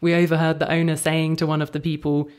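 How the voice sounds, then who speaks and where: A woman co-hosting a podcast in casual chat, jokey and quick to laugh. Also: low voice, little pitch movement, a little mellow. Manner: chatty, jokey, laughs often. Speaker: podcast co-host.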